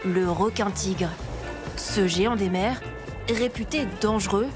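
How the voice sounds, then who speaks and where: A woman reads a nature documentary voice-over at a slow pace. Her pitch sits in the middle and her phrasing is measured and dramatic, with music clearly playing underneath. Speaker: reporter narrating a travel report. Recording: voice-over mixed with prominent music.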